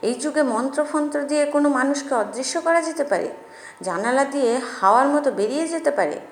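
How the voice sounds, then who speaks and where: A woman voicing a calm, sharp-minded teenage boy who questions others. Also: high voice, fairly quick, reverberant, pitched above the performer's own voice. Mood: challenging.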